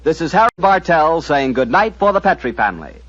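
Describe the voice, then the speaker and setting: A man working as a radio announcer, giving a smooth, persuasive sponsor pitch and credits in 1940s style. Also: sing-song, a little fast, a bit bright. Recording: lo-fi 1940s radio broadcast with music.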